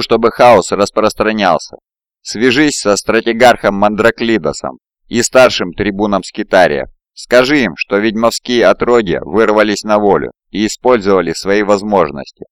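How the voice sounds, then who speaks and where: A man's voice: on the low side, clean tone, no room sound, clean studio sound, lightly acted. Man reading a cold commanding war lord. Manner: cold, measured orders. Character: cold commanding male warrior lord, calm and strategic.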